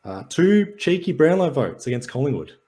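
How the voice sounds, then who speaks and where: A man's voice: fairly high pitch, very animated, moderate pace, dark tone. A man, co-hosting a casual podcast, running through stats and match notes with a dry, jokey delivery. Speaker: podcast co-host. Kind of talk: casual sports and wrestling chat.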